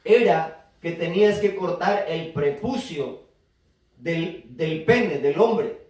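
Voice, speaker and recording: A man preaches slowly and animatedly, his voice fairly high with a darkish tone. He teaches the congregation and asks them to reply. The audio is distant and echoey, from inside a church.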